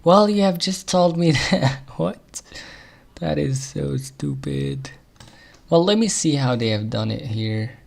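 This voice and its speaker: On a live coding stream, a man with an Arabic accent thinks aloud as he debugs, muttering to himself and letting out quick chuckles. His voice is a little high, gravelly, and expressive.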